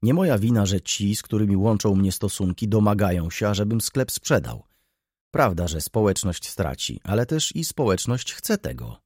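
A man's voice: lowish voice, sing-song, normal speed, a little mellow, husky, no room sound, clean studio sound, full character voice. A man doing a bitter, indignant merchant. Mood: irritated. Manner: indignant, rising outbursts. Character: irritated, bitter middle-aged male merchant.

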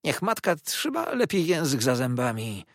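A man voicing a sneering, venomous young male clerk who hisses his words in spite, in a storybook reading, with a husky voice in a dry recording. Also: wildly swooping pitch, takes it slowly, a bit bright, dry recording, heavily acted. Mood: spiteful. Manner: hissing, shrill, spiteful.

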